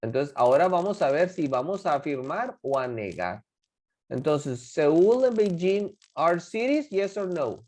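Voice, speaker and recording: An English teacher with a lively, mellow, medium-pitched voice gives classroom instruction in Spanish and English. She drills words slowly and quizzes the class with questions.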